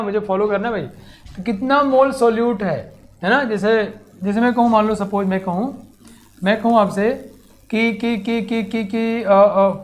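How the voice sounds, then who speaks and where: Animated, teasing male chemistry teacher. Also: sits high. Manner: animated and teasing, repeats words rapidly, coaxes students; mixes English terms into Hindi speech. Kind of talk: live online coaching lecture.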